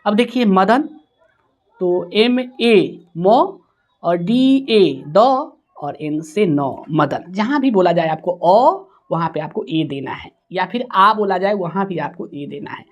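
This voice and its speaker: A woman teaching a spelling lesson, slowly sounding out words letter by letter. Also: on the low side, animated.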